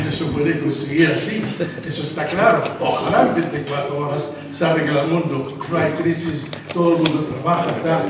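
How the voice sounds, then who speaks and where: In a noisy, far-off recording from an echoey restaurant dining hall, a Palestinian local election candidate delivers an after-dinner speech. His male voice is fairly high in pitch. He speaks haltingly and keeps reaching for words.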